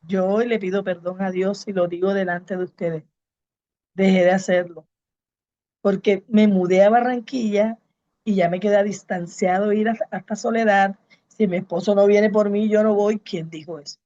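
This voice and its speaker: A woman's voice: mid-range voice, steady tone, normal speed, dark tone, no echo, muffled recording. Fervent woman pastor preaching. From Colombia. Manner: fervent, repeats key phrases, calls out to listeners. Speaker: pastor and evangelist. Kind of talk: preaching testimony to a congregation.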